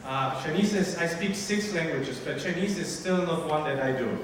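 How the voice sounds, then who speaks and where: A man in his forties from Sicily with an Italian accent, giving a lively, interactive conference keynote and polling the audience. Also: a little high, moderate pace. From Sicily, Italy. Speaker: keynote speaker. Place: large hall with an audience. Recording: echoey hall, distant mic, faint noise.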